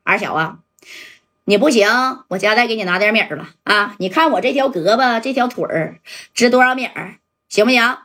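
A woman voicing a tough male gang boss in a spoken crime story, making cold, measured threats. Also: medium pitch, expressive, a bit bright. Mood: threatening.

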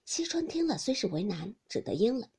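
A woman narrates a classic novel with an expressive, husky, breathy voice, often sinking to a near whisper. Her fairly high pitch rises and falls freely from line to line. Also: a little fast. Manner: expressive, shifts between hushed and lively. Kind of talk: storybook reading of a classic novel.

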